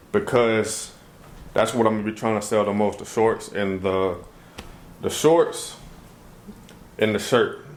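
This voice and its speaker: A young man vlogging casually to his phone camera, rambling loosely with slangy speech and thinking out loud as he corrects himself. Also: fairly low pitch, a little hiss or hum. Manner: laid-back slangy speech. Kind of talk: casual vlog talk to camera. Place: at home, then in a car before dawn.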